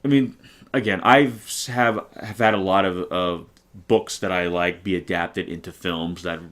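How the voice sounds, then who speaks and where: This trailer-reaction co-host has a low, steady, somewhat bright voice and speaks at an ordinary pace. He gives earnest, opinionated movie commentary that runs long and leans on rhetorical questions, all in a casual tone.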